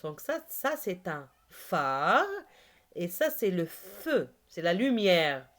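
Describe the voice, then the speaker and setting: A woman teacher walks her learners through a phonics lesson at a very slow, deliberate pace. She says each word clearly and waits for them to repeat it. Her pitch rises and falls in a lively way. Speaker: French reading teacher.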